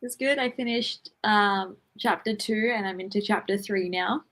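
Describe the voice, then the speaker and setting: A young woman co-hosting a writing stream, speaking casually in relaxed, supportive replies. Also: mid-range voice, moderate pace. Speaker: co-host. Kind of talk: casual chat during writing sprint.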